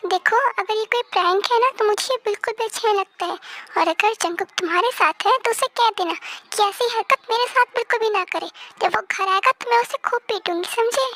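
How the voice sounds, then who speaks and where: A woman voicing a clingy, quick-tempered young woman in an amateur fan dub, whiny and scolding. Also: very high voice, pushed and bright. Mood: angry.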